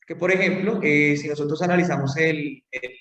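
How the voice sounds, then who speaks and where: Man, lecturer, higher voice, explanatory, distant mic, echoey hall. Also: brisk, fairly bright tone. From Colombia. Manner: explanatory, with frequent fillers and check-ins. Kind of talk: university phonetics lecture. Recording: roomy hall, mic far off.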